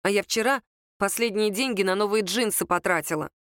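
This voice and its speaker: A woman's voice: medium pitch, fairly quick, a bit bright, dry recording, studio quality, close to an everyday voice. A woman doing a sulky self-pitying young woman. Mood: sarcastic. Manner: sulky, complaining, sarcastic.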